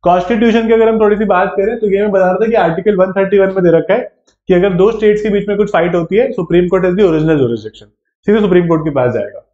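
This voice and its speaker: A man's voice: sits high, fast talker, mellow. A man with an Indian English accent, teaching a live online exam-prep class in a chatty way and checking in with his students often. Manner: chatty, checks in with frequent tag questions. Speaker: law entrance exam teacher. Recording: echoey room, dull lo-fi sound.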